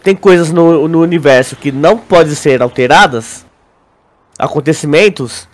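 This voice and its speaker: As a podcast co-host, a Brazilian man with a notably high voice theorizes in casual discussion. He explains haltingly, doubling back on words and regularly checking in a conversational way that the listener agrees.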